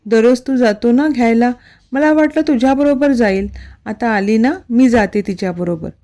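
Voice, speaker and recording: A kind middle-aged mother figure who soothes and reassures, as a woman reading the story voices her. Mellow and a little high, in a storybook reading. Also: moderate pace, natural voice. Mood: apologetic.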